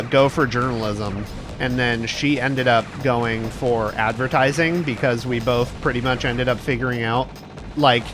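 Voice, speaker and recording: A man's voice: medium pitch, a bit bright. A young man chatting casually on a livestream, rambling earnestly and informally as a VTuber with some swearing. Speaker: VTuber streamer. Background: background music.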